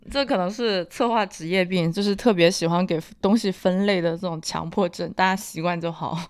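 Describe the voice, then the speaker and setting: A woman from Hunan, China, co-hosts a casual podcast chat in a fairly low voice at a normal speed. Her Hunan accent blurs L and N sounds, and the recording is studio quality with no echo.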